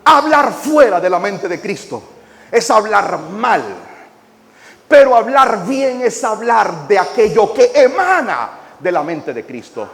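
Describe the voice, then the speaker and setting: A high-voiced man preaching a sermon in a big, echoing church hall. He talks slowly, stretches his phrases, and makes the congregation say his lines back. His pitch swings widely between hushed words and shouted high points. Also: very animated. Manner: calls the congregation to repeat phrases; swings from quiet drawn-out phrases to shouted emphasis. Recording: echoey hall.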